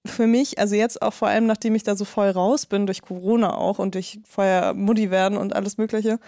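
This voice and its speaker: A woman in her thirties co-hosting a podcast, telling a story in animated casual chat and swearing freely. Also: mid-range voice, fairly quick, dry recording, studio quality. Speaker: podcast co-host.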